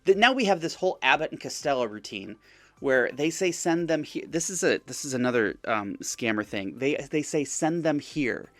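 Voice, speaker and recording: With no room sound, a man's fairly high, bright, expressive voice moves at normal speed as he describes chatting with a scammer. The scam-baiting creator is wry and mocking, voicing the messages in other characters.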